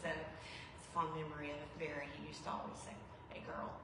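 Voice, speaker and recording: A woman's voice: deep voice, completely flat delivery, a little fast. A middle-aged woman telling an unplanned, casual story at a memorial. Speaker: eulogy speaker. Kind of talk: unscripted memorial speech. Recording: echoey hall, mic far off, noticeable background noise.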